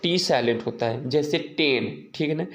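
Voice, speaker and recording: Man teaching slowly, repeating himself. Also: a little high, slight background noise. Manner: repeats "ठीक है ना" often, explains slowly. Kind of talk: casual classroom-style lesson. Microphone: recording while writing on a board or page.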